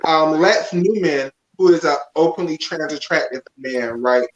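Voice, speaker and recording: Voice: mid-range voice, measured pace. A podcast co-host pushing back in casual chat, arguing a point and acting out other people's reactions. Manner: argumentative, acts out quoted voices. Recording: echoey, dull lo-fi audio.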